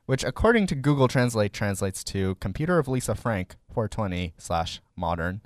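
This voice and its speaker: A young man hosting a college radio show, upbeat and quick to laugh, sometimes stumbling over his words. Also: lowish voice, big pitch swings, no echo. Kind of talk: casual radio chat and announcements.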